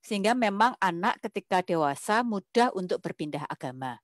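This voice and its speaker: A woman's voice: mid-range voice, animated, brisk, dry recording, studio quality. A woman moderating a webinar over a video call, reading out audience questions and keeping track of the time.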